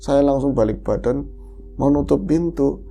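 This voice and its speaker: Gravelly woman telling a ghost story. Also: rumbling low, a little slow, faint music behind. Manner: lively first-person storytelling with voiced quotes. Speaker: horror story podcast host. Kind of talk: retelling a listener's ghost story.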